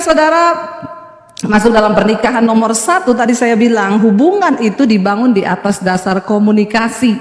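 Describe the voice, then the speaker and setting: A woman's voice: fairly high pitch, a little mellow. A woman pastor with a Sulawesi accent, preaching a sermon to a congregation in a church hall through humorous storytelling. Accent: Sulawesi Indonesian. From Sulawesi, Indonesia. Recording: echoey church hall, long reverb.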